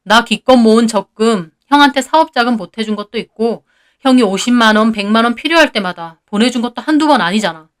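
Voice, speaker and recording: A woman voicing a young husband who is fed up and talks back loudly and bitterly. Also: a little high, a little fast, hardly any pauses, close to an everyday voice. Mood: bitter shouting. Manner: loud, bitter, firm.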